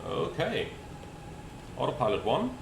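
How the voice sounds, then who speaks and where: A man's voice: mid-range voice, measured pace, gravelly. A man presenting a flight simulator as a pilot, explaining procedures and reading back radio calls. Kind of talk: explanatory commentary with radio readbacks. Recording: roomy sound with steady cockpit noise.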